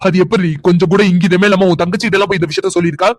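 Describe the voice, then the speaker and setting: A man's voice: sits high, little pitch movement, racing, a little mellow, no echo. A man voicing a contemptuous young husband in a cartoon drama, delivering scolding tirades. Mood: scornful anger.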